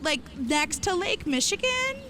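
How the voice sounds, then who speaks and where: A woman's voice: sits high, very animated, measured pace, a crowd in the background. A woman voicing a dopey, earnest, proud cartoon dinosaur mascot in an improvised comedy interview. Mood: boastful, earnest.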